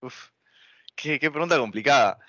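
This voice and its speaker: Being interviewed as a student activist, this young Buenos Aires man gives sincere answers while working out his thoughts aloud, with some hesitation. His mid-range voice is animated and fairly bright at a normal pace, captured dry on dull lo-fi audio.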